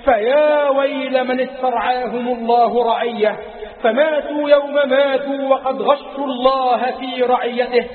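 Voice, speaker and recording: A man's voice: extremely high pitch, fairly even intonation, normal speed. A man with an Egyptian accent preaching an impassioned Friday sermon in a mosque, chanting and repeating phrases. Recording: echoey hall, tinny lo-fi.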